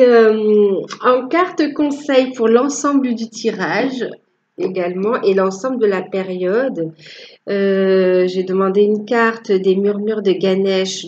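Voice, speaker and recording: A woman giving a tarot reading to her viewers, with a halting delivery that repeats phrases. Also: mid-range voice, darkish tone, lo-fi sound, a little hiss or hum. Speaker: tarot reader.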